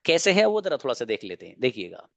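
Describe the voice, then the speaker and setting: A man's voice: medium pitch, sing-song, fast, creaky, fairly bright tone, no room sound. A man giving an online English grammar lesson. He explains patiently, repeats phrases and keeps checking that his students follow. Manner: drawls English example sentences word by word. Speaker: English teacher.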